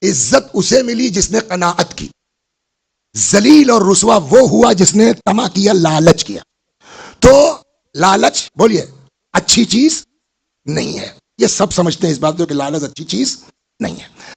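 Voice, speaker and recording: Older man, husky gravelly voice, preaching, storytelling, asks listeners questions. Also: high-pitched, very animated, pauses often. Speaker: Islamic scholar giving a majlis lecture. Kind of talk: sermon.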